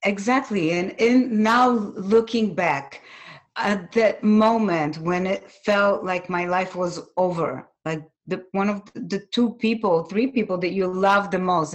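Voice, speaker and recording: A native Polish speaker from Poland, a woman with a voice on the low side, shares her personal story as an interview guest. She comes across as earnest, measured and reflective.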